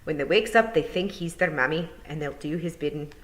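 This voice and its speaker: In a storybook reading, a woman voices a young male pixie who is cheerful and deferential, speaking with a Scottish accent. Her voice is low, fairly quick and a little bright. The mood stays cheerful and matter-of-fact, heavy on dialect, and he respectfully calls the listener mistress.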